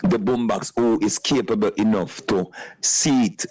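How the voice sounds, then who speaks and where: Low-voiced Jamaican man in a radio interview. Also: a little mellow, rough recording. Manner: halting, repeats words. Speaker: interview guest. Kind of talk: patois radio interview talk. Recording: music playing behind the voice. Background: music.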